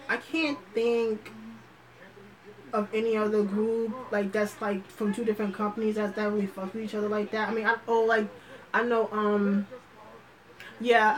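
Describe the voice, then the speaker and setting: A woman holds a casual livestream chat at a mid pitch, talking loosely and thinking aloud as she goes. Her speech is slangy and profane, with lots of fillers and restarted sentences. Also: poor audio. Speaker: livestream host.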